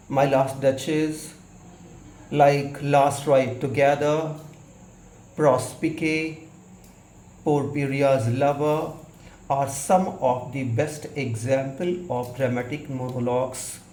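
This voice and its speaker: A man gives a literature lesson at a slow, deliberate pace, repeating phrases and correcting himself. His voice sits slightly high and is on the mellow side. The recording is echoey. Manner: halting, repetitive, self-correcting explanation. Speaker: English literature teacher. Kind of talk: educational lecture to camera. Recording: echoey room with faint noise.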